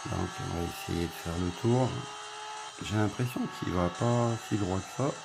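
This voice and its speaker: A man casually reviewing a budget phone at home, talking in a relaxed, rambling way with lots of fillers. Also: deep voice, normal speed, creaky, background noise. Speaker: tech reviewer.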